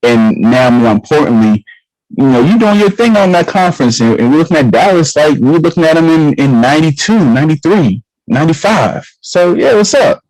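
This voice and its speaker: A man hosting an online league talk show, talking in an animated, slangy way and repeating himself as he builds hype. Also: a little high, fairly quick, no room sound, rough recording. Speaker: show host.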